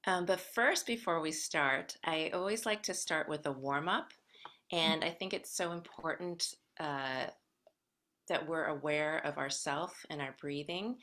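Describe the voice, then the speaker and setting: Female workshop lecturer, American accent, very unhurried delivery, clear-cut bright tone, addresses the group directly. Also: deep voice. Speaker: guest lecturer in music education. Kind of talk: workshop presentation with gentle guidance.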